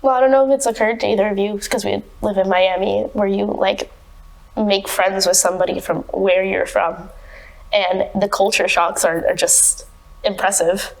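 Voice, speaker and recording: A woman's voice: medium pitch, steady tone, normal speed, creaky, rough recording. A young woman from Venezuela, raised in the United States, hosting a podcast interview in casual, joking chat and laughing often. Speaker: podcast host. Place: podcast recording in Miami.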